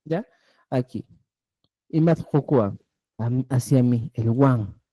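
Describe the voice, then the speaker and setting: A language teacher giving a class, repeating example phrases slowly and checking understanding with frequent "¿ya?". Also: mid-range voice, lo-fi sound. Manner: spells out example phrases syllable by syllable. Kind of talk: online class lecture.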